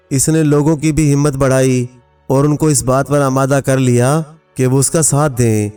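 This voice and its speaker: A man reading a scripted folk tale aloud as a storyteller, in a steady, even manner, quoting each character without changing his voice. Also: mid-range voice, clear, resonant tone. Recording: narration from a distance over faint music.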